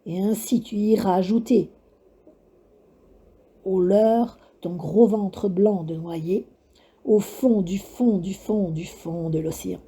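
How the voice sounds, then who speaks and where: A woman voicing a cruel, taunting, ancient skeletal witch in a storybook reading, slow and mocking in a sing-song way. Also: mid-range voice, warm tone, slightly rough. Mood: menacing.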